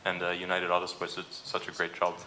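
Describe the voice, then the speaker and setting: A man, a racing driver, answering press conference questions in a modest, measured way with halting restarts. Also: sits low, monotone, pushed and bright, reverberant, recorded from a distance, slight background noise.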